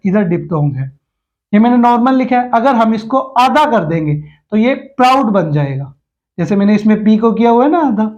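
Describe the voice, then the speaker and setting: A man's voice: high-pitched, rough recording. A man teaching a step-by-step shorthand lesson, patiently repeating each rule with examples.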